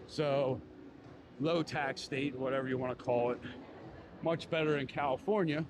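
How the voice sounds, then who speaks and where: A man's voice: mid-range voice, steady tone, moderate pace, background noise. A man with a Philadelphia accent, chatting casually on a live stream as he walks a city street, rambling and full of fillers like "you know". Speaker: live-streaming walking vlogger. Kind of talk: casual live-stream chat while walking. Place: outdoors on a busy city street.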